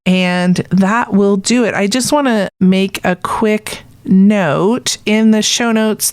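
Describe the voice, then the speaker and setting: A woman's voice: on the low side, clear, resonant tone, dry recording, clean studio sound. A woman co-hosting a movie podcast, chatting casually and reading out trivia and figures. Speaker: podcast co-host. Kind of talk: casual chat.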